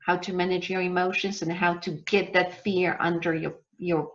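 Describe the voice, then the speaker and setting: A woman business coach giving a live online masterclass, emphatic and motivational, slowing down to stress key words. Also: fairly low pitch, flat delivery, muffled recording.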